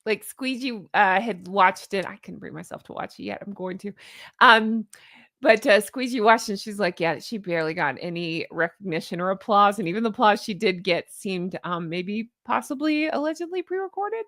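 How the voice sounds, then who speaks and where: A woman's voice: medium pitch, moderate pace, a bit bright, no echo, studio quality. A woman with a honking, goose-like voice hosting a casual reaction video in a jokey, exclamatory, chatty way. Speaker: YouTube host. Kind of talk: casual livestream-style reaction commentary.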